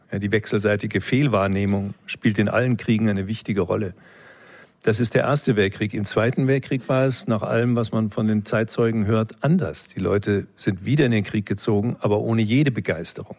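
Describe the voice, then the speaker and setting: A man with a fairly low, darkish voice is an interview guest and philosophy expert. He answers questions reflectively, explaining things like a professor in a lecture-like way and adding small check-in tags.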